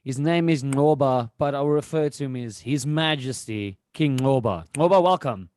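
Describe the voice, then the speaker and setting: A man's voice: medium pitch, normal speed, darkish tone, no room sound. Man, podcast host, enthusiastic, repeats words, dry close mic. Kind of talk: casual podcast interview.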